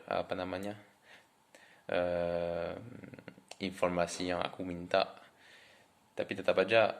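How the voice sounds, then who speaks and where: A man's voice: deep voice, vocal fry. A young French man with a French accent, speaking Indonesian as a foreigner in a casual, hesitant vlog introduction to camera. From France. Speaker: vlogger introducing himself.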